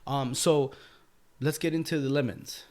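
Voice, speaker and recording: A man's voice: mid-range voice, steady tone, a little slow, darkish tone. A man hosting a podcast interview in a guest's home, talking in a laid-back way with lots of fillers. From Mexican heritage. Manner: laid-back, filler-heavy, says "you know" a lot. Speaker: podcast host. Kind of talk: casual interview chat.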